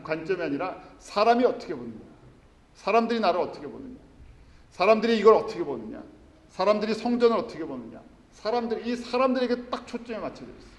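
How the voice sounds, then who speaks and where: A male pastor preaching a sermon, earnestly asking his congregation questions and then answering them himself. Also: high voice. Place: church sanctuary. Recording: echoey church hall.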